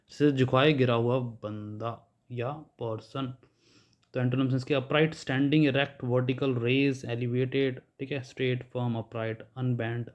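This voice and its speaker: A man's voice: mid-range voice, darkish tone, highs cut off. A man teaching an exam vocabulary lesson in Hindi mixed with English, explaining each word with everyday examples.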